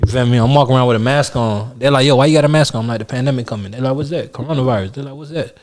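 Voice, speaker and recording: A man co-hosting a podcast, telling loose slang-heavy stories in casual chat that often trail off quietly. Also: mid-range voice, rapid-fire. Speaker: podcast co-host.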